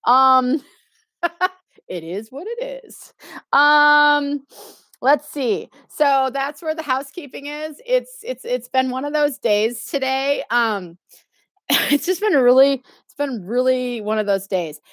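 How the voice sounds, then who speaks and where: A woman's voice: high voice, expressive, slow, fairly bright tone, no room sound, clean studio sound. A middle-aged woman chatting casually on a livestream, sassy and snarky, laughing often and filling gaps with lots of ums. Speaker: YouTube live streamer.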